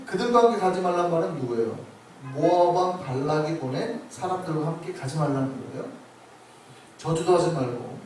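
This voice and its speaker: Male pastor, lively emphatic sermon delivery with rhetorical questions; very reverberant church, distant mic. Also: on the high side, a little hiss or hum. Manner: emphatic, asks the congregation questions. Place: church sanctuary. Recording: echoey church sanctuary from far off.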